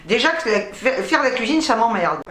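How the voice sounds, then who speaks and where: Chatty fast-talking woman, echoey room. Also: fairly high pitch, big pitch swings, a bit bright. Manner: chatty, self-mocking, talks fast and stumbles over words. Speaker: vlogger showing a grocery haul. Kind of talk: casual chat to camera.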